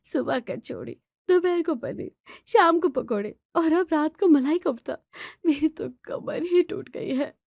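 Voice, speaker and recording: A woman's voice: high voice, unhurried, creaky, darkish tone, dry recording, studio quality, voice pushed up. A woman voicing a tired elder daughter-in-law with a sardonic edge. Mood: weary.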